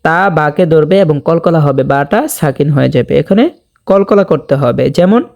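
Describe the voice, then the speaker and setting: Man, recitation teacher, slightly high voice, gravelly, slow patient lesson. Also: a little mellow. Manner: explains rules plainly, then recites slowly and drawn out. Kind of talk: slow step-by-step tajweed lesson with recited examples.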